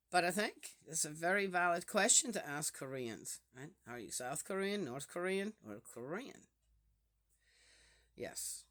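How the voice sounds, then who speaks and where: Woman, Swiss German accent, lower register, halting reflective talk full of fillers. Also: fairly bright tone. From Switzerland. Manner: hesitant, many fillers and restarts.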